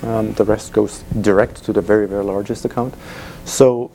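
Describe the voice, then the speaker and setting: A middle-aged sales executive from Germany addresses a live audience in an event room as a guest speaker, talking casually with a German accent and repeated "you know." His fairly low, warm voice has fairly even intonation at normal speed, and the rough recording has a bit of hiss or hum.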